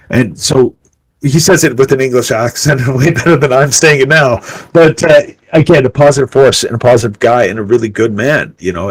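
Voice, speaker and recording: A man's voice: fairly low pitch, slightly rough, low-quality recording. A man who grew up in Canada, a game developer talking over a video call in a casual interview, earnest and rambling, restarting his sentences. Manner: rambling, earnest, warm-hearted talk with frequent restarts.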